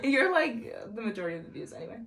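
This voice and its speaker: A woman's voice: fairly high pitch, sing-song, racing, creaky, fairly bright tone. An American woman in her twenties hosting a casual chat, bubbly and playful with lots of giggling. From United States. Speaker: vlogger host.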